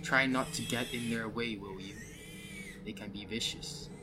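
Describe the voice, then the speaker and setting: A man's voice: lowish voice, steady tone, very noisy, natural voice. A man playing a grumbling dwarf guide. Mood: gruff warning. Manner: slow grumbling lecture.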